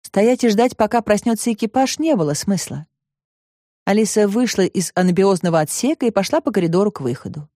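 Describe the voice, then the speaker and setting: A woman narrating a children's audiobook in an expressive storytelling manner, close to the mic. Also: mid-range voice, brisk, dry recording.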